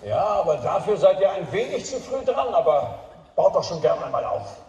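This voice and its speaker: An actor playing a friendly, proud German emigrant settler with a hearty, laughing delivery. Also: male voice, high-pitched, sing-song, normal speed, creaky, highs cut off, heavily acted. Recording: echoey hall from far off, soft music.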